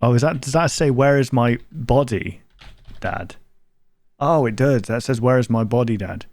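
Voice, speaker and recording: With loud music in the background and a little hiss or hum, a man with a mid-range, slightly mellow voice talks at normal speed. He's a YouTube host giving informal reaction commentary on viewer-suggested horror clips, musing aloud and posing frequent questions.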